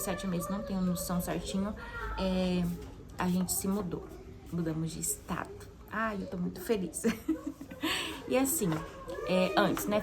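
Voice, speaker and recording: A woman's voice: medium pitch, background noise. A young adult woman with a Brazilian Portuguese accent, a mother sharing a personal testimony in a chatty, heartfelt way with frequent tag questions. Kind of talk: casual confessional monologue.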